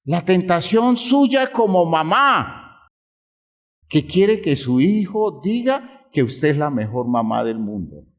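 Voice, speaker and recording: A man's voice: a little high, sing-song, takes it slowly. A man preaching a sermon as a pastor, drawing out phrases for emphasis and asking the congregation rhetorical questions.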